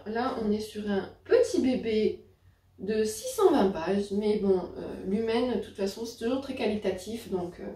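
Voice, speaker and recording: This book vlogger has a mellow voice that sits on the higher side, and she's chatty throughout a casual haul video, full of fillers and self-corrections. The audio is roomy and she seems somewhat far from the microphone.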